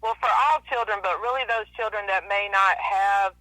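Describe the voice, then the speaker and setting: A woman's voice: medium pitch, moderate pace, pushed and bright, no echo, poor audio. A woman artist talking over the phone in an interview, chatty and full of "you know" fillers. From East Alabama / West Georgia. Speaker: artist guest. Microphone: telephone.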